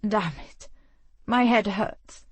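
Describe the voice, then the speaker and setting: Woman reader doing a gruff, curt audiobook hero, sardonic and commanding. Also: mid-range voice, slow pace, dry recording. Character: gruff, commanding young man, dazed from injury. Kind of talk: audiobook dialogue.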